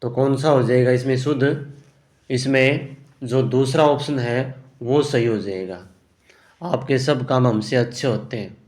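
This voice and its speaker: Man, Hindi grammar teacher, very slow, roomy echo. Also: mid-range voice. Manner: explains answer options slowly, often adds "ठीक है ना". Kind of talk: exam prep lesson.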